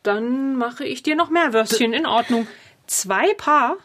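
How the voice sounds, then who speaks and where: A woman's voice: on the high side, expressive, measured pace, fairly bright tone. A woman voicing a sweet, fussing young woman who takes care of a pet cat in a children's radio play.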